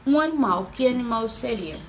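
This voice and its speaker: A woman's voice: a little high, lively intonation, brisk, crowd noise. A woman answering tag questions in a casual vlog, playful and jokey, making little sound effects. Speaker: vlogger. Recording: echoey room with faint background noise.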